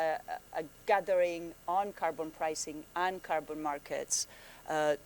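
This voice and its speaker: A woman program manager giving a friendly conference presentation, halting often with fillers and restarts, speaking in a conference room. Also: deep voice, a little hiss or hum.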